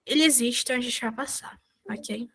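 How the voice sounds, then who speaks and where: A young woman teaches a language lesson over a video call, her voice sitting on the high side with a sharp, slightly breathy tone. She talks a little fast and chattily, checking in with her students every few sentences as she explains the online class material.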